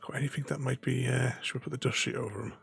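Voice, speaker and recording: A man's voice: mid-range voice, steady tone, rapid-fire, creaky, husky, faint music behind. A man giving casual gameplay commentary, thinking aloud hesitantly. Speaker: game player commentator.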